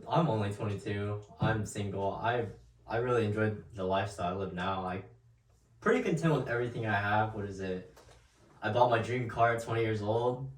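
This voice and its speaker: A man in his early twenties chats in a laid-back, easygoing way with a lowish voice. The recording is roomy and echoing, and the mic sits some distance from him. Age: early 20s. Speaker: podcast co-host. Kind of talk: casual chat.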